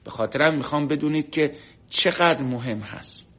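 Bright high-voiced man telling a sermon story. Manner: lively storyteller, acts out quoted voices. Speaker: religious teacher. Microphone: online class stream.

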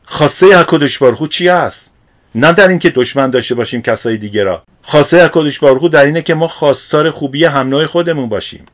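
A man, a religious teacher, preaching a sermon in an earnest, explanatory way and posing rhetorical questions. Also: medium pitch. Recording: dull lo-fi recording.

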